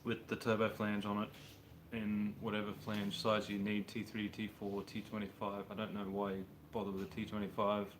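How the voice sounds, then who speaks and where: With a lowish, completely flat voice at normal speed, a thirty-something Australian from Brisbane casually rambles through a livestream, answering viewers in a laid-back, slangy manner. He's broadcasting from his home mechanic workshop, a car up on the hoist, with slight background noise.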